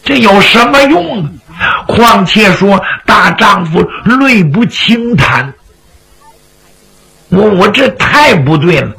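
A weepy young swordsman who wails his grief in a high, bright voice that swings wildly up and down, put on by a male storyteller. He pleads through his sobs, with a gravelly catch in his voice. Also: big pitch swings, takes it slowly, exaggerated voice, low-quality recording. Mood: contrite. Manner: sobbing, wailing plea. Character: young male hero, tearful and dramatic.

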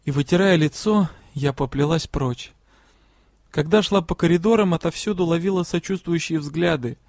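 A man narrating a first-person fantasy story in a measured, quiet storytelling manner. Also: on the high side, no echo, clean studio sound. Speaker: audiobook reader.

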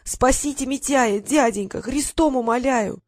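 A man reading a storybook voices a frightened little girl who pleads slowly and tearfully. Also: no room sound, studio quality. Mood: begging. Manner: high, slow, tearful pleading.

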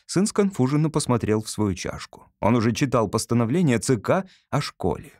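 A man narrating a humorous story as an audiobook in an expressive storytelling manner. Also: medium pitch, dry recording, studio quality. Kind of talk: audiobook reading.

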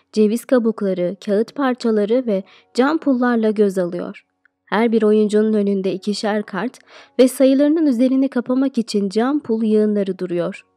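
A woman teacher reading an audiobook aloud, narrating in a steady, expressive storytelling way. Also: fairly high pitch, dry recording, studio quality.

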